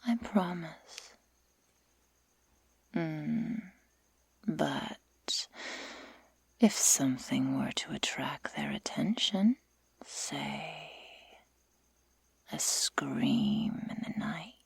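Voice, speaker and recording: In a breathy whisper, a woman plays a sadistic werewolf girl who taunts the listener in an ASMR roleplay, speaking slowly and deliberately with mock-sweet menace. Her deep voice swings widely in pitch and is exaggerated, recorded with no room sound. The mood is a coaxing threat.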